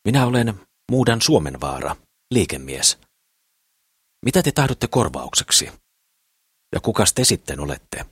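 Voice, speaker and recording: Guy doing a bouncy high young rich guy, excited and pushy, audiobook. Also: slightly rough, dry recording, clean studio sound. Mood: eager. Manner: excited, pleading, quick. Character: young cheerful wealthy businessman, eager and brisk.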